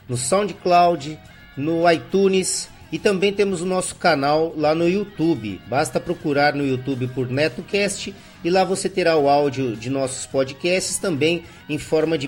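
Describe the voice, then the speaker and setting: A man with a Brazilian accent giving informal announcements as a podcast host. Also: a little high.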